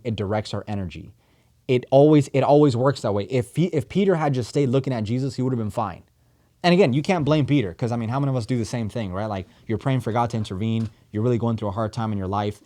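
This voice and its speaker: A male pastor preaching in a relaxed, conversational way. He acts out what people say in his stories, rising loud and then dropping to near a murmur. His voice sits at an ordinary middle pitch for a man. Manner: conversational preaching, acts out quoted voices, rises and drops in volume. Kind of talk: sermon.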